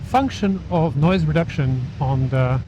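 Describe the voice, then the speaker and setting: Guy motovlogging from inside his helmet, talks slow n halting, wind and engine noise behind him. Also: fairly high pitch, dull audio. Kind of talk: casual vlog talk while riding. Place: inside a motorcycle helmet, riding outdoors. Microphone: small wireless mic inside helmet.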